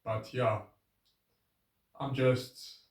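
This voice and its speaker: Male vlogger, mid pitch, loose reflective monologue, picked up by a distant camera in an echoey space. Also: level tone, extremely slow. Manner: rambling, earnest, voice shifting between registers. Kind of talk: casual self-reflective monologue. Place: outdoors with his bike. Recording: roomy, distant camera sound.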